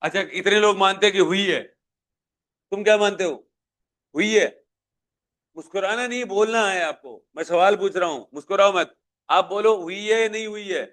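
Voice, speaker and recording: A man's voice: high-pitched, normal speed, long pauses, a bit bright. A male physics teacher with a Hindi accent giving a live classroom lecture, questioning students and pushing them to answer aloud.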